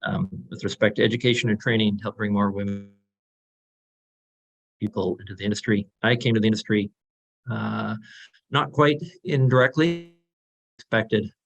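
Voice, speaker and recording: A man's voice: on the low side, fairly even intonation, moderate pace, creaky, pauses often. Man on a choppy video call. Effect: remote video-call audio that breaks up. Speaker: panelist, director of an industry innovation group. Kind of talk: conference panel remarks. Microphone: laptop or webcam mic on a video call. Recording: lo-fi, dull video-call line.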